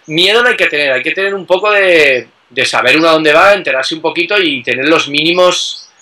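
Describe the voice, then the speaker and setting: A man talks in a casual, unhurried way. His voice sits a little high and sounds bright. He fills his sentences with small tag questions. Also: rough recording. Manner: relaxed, many fillers and tag questions. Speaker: guest travel blogger. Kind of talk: casual conversation.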